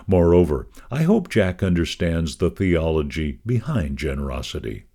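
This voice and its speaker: Deep-voiced man reading a column aloud. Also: sing-song, normal speed, vocal fry, warm tone. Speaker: reader of a magazine column. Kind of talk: scripted read-aloud of a devotional column.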